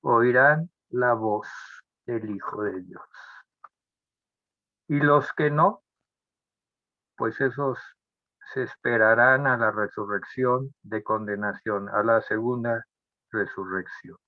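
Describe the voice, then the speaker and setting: A man preaching a sermon as pastor, speaking deliberately and often repeating phrases or restarting words. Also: mid-range voice, dry recording. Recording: dull lo-fi sound.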